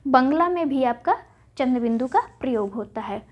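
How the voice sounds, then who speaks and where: A woman's voice: sits high, expressive, normal speed. A woman leads an online lesson. She reads out wrong and right spellings, asking and then answering her own questions. The sound is somewhat dull and lo-fi. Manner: recites word pairs, asks and answers herself. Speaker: Hindi exam-prep teacher. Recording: dull lo-fi audio.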